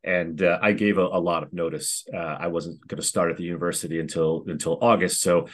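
Low-voiced man telling a story. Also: brisk. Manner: animated retelling with quoted voices, many restarts. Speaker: guest, former high school principal. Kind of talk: conversational storytelling.

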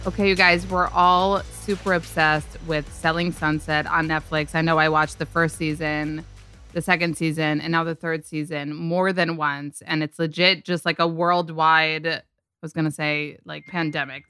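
A woman's voice: low-pitched, little pitch movement, normal speed, bright, forceful tone, smooth, faint music behind. A woman hosting a podcast in casual gossip chat, talking loosely with lots of filler words. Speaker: podcast host.

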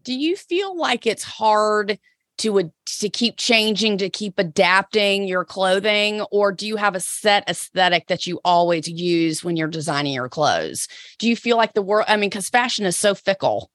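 A woman's voice: mid-range voice, normal speed, fairly bright tone, dry recording, clean studio sound. A woman hosting an interview, gushing and enthusiastic, firing off several questions at a time. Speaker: host, personal stylist. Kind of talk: casual interview.

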